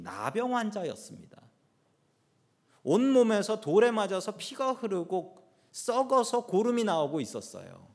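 A male pastor delivers a sermon in a storyteller's way, with a fairly high voice. His pitch swings widely as he builds toward emphatic points and then drops back down. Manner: storytelling preacher, rising and falling emphatically.

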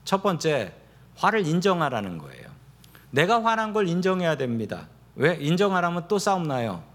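A man preaching a sermon as pastor, asking his congregation questions and acting out quoted lines in a lower voice. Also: very animated, normal speed, fairly bright tone.

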